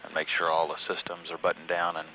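A man giving measured, matter-of-fact mission commentary as a control room announcer, halting at times. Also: deep voice, monotone, sharp tone, slight background noise, rough recording. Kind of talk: public affairs mission commentary.

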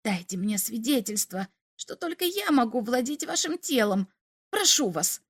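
A woman's voice: fairly high pitch, very animated, normal speed, breathy edge, no echo, clean studio sound. A woman voicing a small male alien who begs in a breathless, wheedling way. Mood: pleading.

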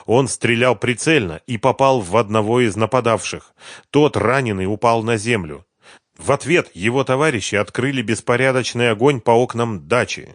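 A man narrating an audiobook in an even, measured reading. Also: mid-range voice, dry recording, clean studio sound. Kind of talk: scripted narration of a thriller novel.

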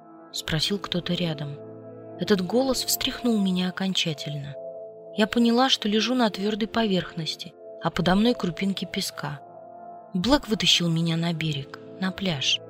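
A woman's voice: fairly low pitch, a bit bright. A woman narrating a story in the first person, in an intimate storytelling manner. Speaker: audiobook reader. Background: faint music.

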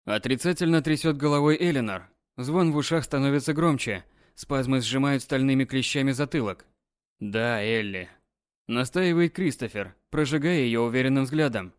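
A man's voice: medium pitch, fairly quick, hardly any pauses, clean tone, no room sound. Male audiobook narrator, dry close sound.

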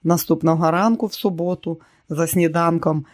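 Audiobook narrator, measured and even, mid pitch, dead-dry close sound. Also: no echo. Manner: measured storytelling. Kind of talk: scripted narration.

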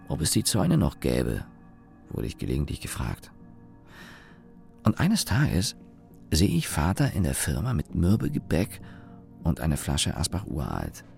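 Extremely low-pitched and creaky, the narrator and lead actor of a German radio play gives a heavily acted, reflective monologue as a young, sardonic engineer remembering his father as a company employee. He tells the story wryly and deliberately, with pauses and self-corrections.

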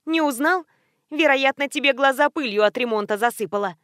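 A woman reading her first-person heroine's lines in an animated, exclaiming way. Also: high voice, fairly quick, no echo, studio quality, voice pushed up.

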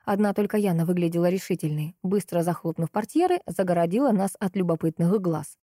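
A woman reading a novel aloud in the first person, with steady storytelling. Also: on the low side, fairly quick, no echo, studio quality. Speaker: audiobook narrator.

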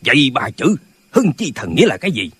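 Male actor playing quarrelsome old martial-arts brothers, husky, dry studio sound. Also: mid-range voice, huge pitch swings, brisk, fairly bright tone, dry recording, full character voice. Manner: bickering, pedantic, squabbling. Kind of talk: audiobook character voices.

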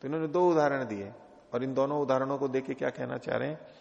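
A man with a gravelly, rough-edged voice teaches a scripture class, reading lines slowly and then explaining them plainly with questions to his students. The recording sounds dull and muffled, with a long echo from a big hall. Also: medium pitch, fairly even intonation, a little mellow. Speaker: Vedanta teacher. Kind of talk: scriptural lecture.

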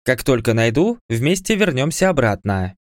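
A man's voice: mid-range voice, big pitch swings, normal speed, no echo, clean studio sound, close to an everyday voice. A man voicing a haughty, commanding female goddess of death in an audiobook, speaking in a raised, scornful tone. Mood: imperious.

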